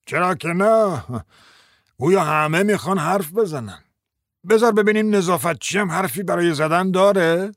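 A man's voice: on the high side, no room sound, clean studio sound, close to an everyday voice. A man voicing an irritable, sarcastic male judge who grumbles his lines in a raised voice. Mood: grumbling.

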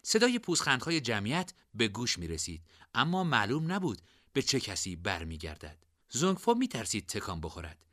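A male narrator reads a novel chapter with expressive storytelling. His pitch moves lively through each sentence and his tone is bright, recorded dry and close. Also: no echo.

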